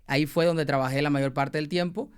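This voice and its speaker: A young man from Cuba with a Cuban accent, a former teacher telling his migration story with hesitant pauses. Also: on the high side, fairly even intonation, clean tone. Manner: hesitant, many fillers and pauses. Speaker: guest, former biology teacher.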